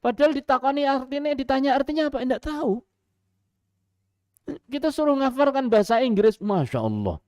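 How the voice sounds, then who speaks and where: In a clean, echo-free studio recording, a man with an extremely high-pitched voice and a Javanese accent delivers a radio sermon as an Islamic preacher. He talks a little fast with frequent pauses, livening his stories with rhetorical questions and chuckles.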